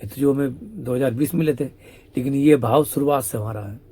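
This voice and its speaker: A man's voice: medium pitch, a little fast, mellow, breathy edge. A man conversationally retelling a devotional story as a spiritual storyteller.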